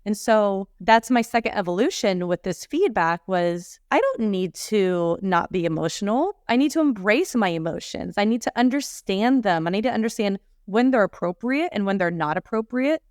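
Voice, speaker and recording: A woman's voice: mid-range voice, animated, moderate pace, hardly any pauses, darkish tone, dry recording, studio quality. A woman leadership coach in her thirties, telling candid, reflective stories in a podcast interview.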